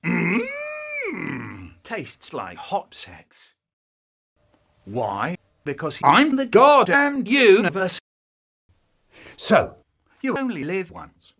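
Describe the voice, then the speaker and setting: A brooding man turned cosmic god, voiced by a man, speaking in a monologue built from spliced-together words. His voice sits a little high and husky, swinging widely in pitch from clip to clip. Each word lands slowly and unevenly, as if cut from different takes. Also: huge pitch swings, a bit bright, full character voice. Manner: jumpy, uneven delivery from word to word. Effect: spliced together words from clips. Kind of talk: sentence-mixed monologue.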